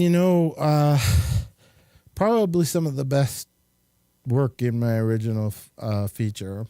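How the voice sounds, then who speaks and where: A man presenting his show casually, halting as he goes, with frequent pauses. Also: medium pitch, warm tone, smooth, no room sound, clean studio sound. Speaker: show host and filmmaker.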